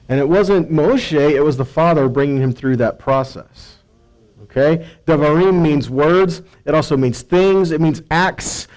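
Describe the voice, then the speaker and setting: In a low-quality recording, a man with a fairly high, darkish voice delivers a conversational Bible teaching. He speaks emphatically, quoting and paraphrasing dialogue, and drops in rhetorical asides and check-ins with his listeners, sermon-style.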